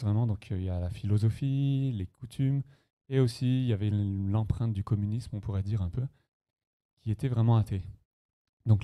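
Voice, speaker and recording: A man from France, a pastor, telling his personal testimony to a congregation in a conversational, storytelling way. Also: medium pitch. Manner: conversational, warm personal storytelling with light laughs. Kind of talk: sermon testimony. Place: church hall.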